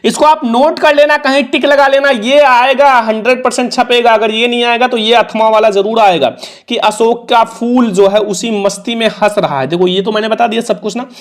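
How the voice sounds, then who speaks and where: A man's voice: very high voice, fairly even intonation, moderate pace, few pauses. A man with a Hindi accent teaching an exam prep lesson in a casual, coaxing way, repeating the answers and the marks.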